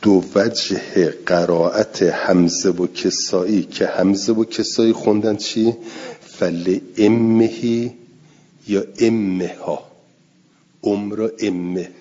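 A man's voice: deep voice, fairly even intonation, darkish tone, breathy edge. A man teaching a lecture class, explaining recitation rules step by step and repeating his examples. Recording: dull lo-fi recording.

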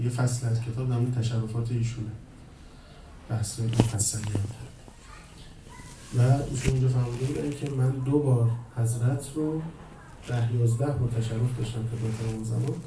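A man's voice: medium pitch, noisy background. A man giving a religious lecture to a live audience, talking conversationally and emphatically, repeating key lines and asking rhetorical questions. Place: gathering with an audience present.

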